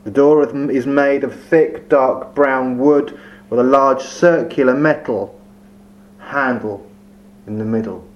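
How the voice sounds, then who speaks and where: A man leading a guided meditation in a slow, soft, soothing voice with long pauses. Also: mid-range voice. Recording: dull lo-fi recording with faint hum.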